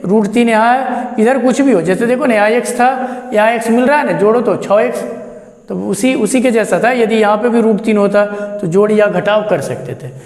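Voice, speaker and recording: A man's voice: high-pitched, fairly quick, darkish tone. A man teaching math who works through each step, asking questions and answering them himself in a chatty, encouraging way. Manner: explains step by step, asks and answers his own questions. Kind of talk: classroom lesson. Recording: echoey room with long reverb.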